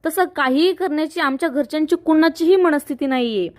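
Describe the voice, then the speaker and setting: A woman's voice: sits high, fairly quick, darkish tone, no room sound, natural voice. A woman voicing a caring middle-aged mother who speaks firmly and soothingly.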